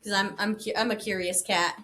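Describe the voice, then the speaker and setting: A woman's voice: mid-range voice, steady tone, fairly quick, a bit bright. Easygoing female guest, affirming, casual chat over a video call. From Tucson, Arizona. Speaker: podcast guest, spinal flow practitioner.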